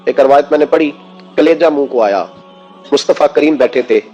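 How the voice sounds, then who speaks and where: A man's voice: on the high side, darkish tone, lo-fi sound, faint music behind. A man preaching an emotional sermon, impassioned, firing rhetorical questions at his listeners.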